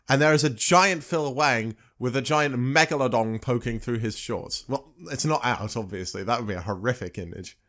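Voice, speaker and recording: A man co-hosting a podcast in casual chat, talking haltingly with many fillers and restarts as he recaps a TV episode. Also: mid-range voice, fairly bright tone. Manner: halting, filler-heavy, self-correcting. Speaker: podcast co-host.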